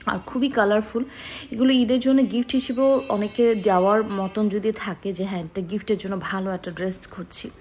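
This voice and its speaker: In a small indoor shop, a woman in her thirties who owns a boutique shows off dresses in an eager, persuasive sales vlog, enthusiastically calling her viewers sisters. Her mid-range voice is steady, a little fast and a little mellow, with slight background noise.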